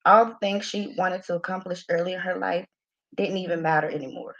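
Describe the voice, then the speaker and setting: A woman's voice: on the low side, fairly quick. Woman reading her novel aloud, muffled. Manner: expressive reading with laughing asides to a live audience.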